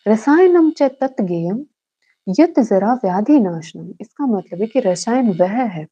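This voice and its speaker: Woman teaching, dark lo-fi sound. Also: medium pitch, husky. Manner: explains step by step with quick rhetorical questions, chants verses slowly. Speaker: Ayurveda teacher. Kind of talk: exam-prep lecture.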